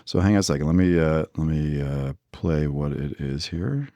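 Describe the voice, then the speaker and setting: A male podcast co-host in relaxed, playful conversation who laughs easily. His voice sits very low. The sound is dry and close. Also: normal speed, no room sound. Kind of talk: casual chat.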